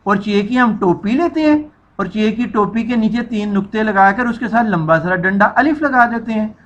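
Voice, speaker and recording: A woman's voice: medium pitch, moderate pace, dull audio. A woman teacher giving a children's reading lesson, stretching out syllables and repeating each sound for the children to echo.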